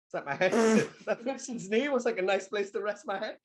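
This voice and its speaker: A man's voice: high voice, brisk. A young man with a Geordie accent, telling stories as a podcast guest in a rambling, casual way full of "like". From Newcastle, northeast England. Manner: rambling, heavy use of "like", animated storyteller. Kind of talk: casual storytelling chat.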